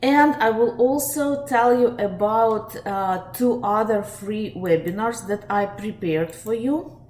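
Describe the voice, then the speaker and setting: A Russian-accented life coach leads a live webinar for viewers, speaking steadily and earnestly with frequent fillers. Her medium-pitched voice has a darkish tone and she takes things slowly. The room is echoey, with faint ambient noise.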